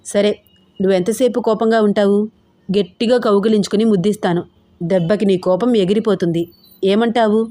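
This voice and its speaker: A woman's voice: mid-range voice, fairly even intonation, a little fast, dark tone, close to an everyday voice. A woman voicing a teasing, playful young husband in a romantic audio story, with a cajoling manner.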